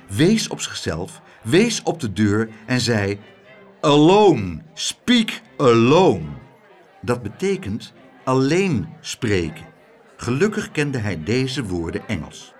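Guy reading a kids story, super animated sing-song delivery. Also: mid-range voice. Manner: lively, expressive reading. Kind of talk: storybook narration.

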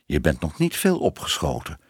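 A man's voice: medium pitch, wildly swooping pitch, measured pace, breathy edge, dry recording, clean studio sound, full character voice. A man voicing a stern, disapproving old female cat who scolds and bosses her niece. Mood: scolding.

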